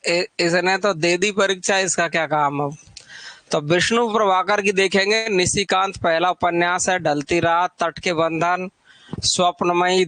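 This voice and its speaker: High-voiced chatty Hindi teacher, dry close mic. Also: male voice, a bit bright, no echo. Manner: chatty, teases students by name between repeated lists. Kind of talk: live online exam-prep class.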